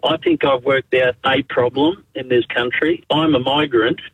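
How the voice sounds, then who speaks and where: A man's voice: medium pitch, steady tone, moderate pace, slightly rough, dry recording. A man from Spain with an Australian accent, calling in to a radio show, blunt and matey with broad slang. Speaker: caller. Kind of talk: phone-in radio call. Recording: tinny phone line.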